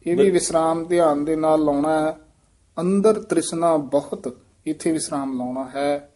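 A man's voice: on the high side, steady tone, moderate pace, dark tone. A man teaching scripture recitation, patiently repeating words and stressing how each should be pronounced. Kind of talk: correcting pronunciation in a recitation lesson.

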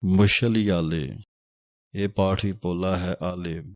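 Man, low-pitched and unhurried, chanting verses in a teaching recitation, dry close sound. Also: fairly even intonation, a little mellow, no room sound. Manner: alternates slow chanted verse with quick spoken pronunciation notes.

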